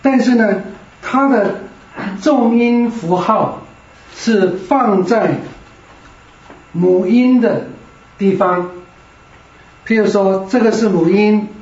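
A man's voice: high-pitched, slow, long pauses, darkish tone. A man teaching Greek to a class, explaining patiently step by step. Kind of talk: classroom lecture. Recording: roomy, dull lo-fi classroom recording.

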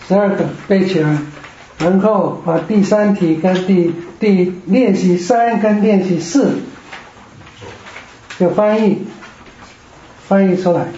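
High-voiced man teaching in a classroom. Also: slow pace, long pauses, warm tone, slight background noise. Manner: patient, explains step by step. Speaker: Greek teacher. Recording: echoey room, dull lo-fi.

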